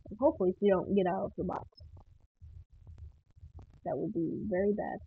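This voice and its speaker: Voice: medium pitch, fairly even intonation, normal speed, slightly rough. A speaker giving casual gameplay commentary for a guide, rambling and hesitant, often laughing and trailing off. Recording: tinny phone-like dry sound.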